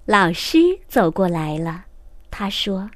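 A woman reading a children's story aloud, in a slow, clear, expressive way. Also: mid-range voice, dry recording.

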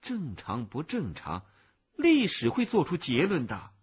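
A man doing an urgent, excited boy. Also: fairly high pitch, measured pace, slightly rough, full character voice. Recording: muffled lo-fi recording.

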